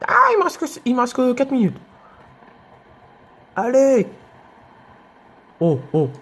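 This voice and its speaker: A young man giving excitable let's play commentary, yelping and laughing at enemies. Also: very high voice, slow pace, husky. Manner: excitable, shouts and yelps at enemies, laughs often. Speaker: gaming youtuber.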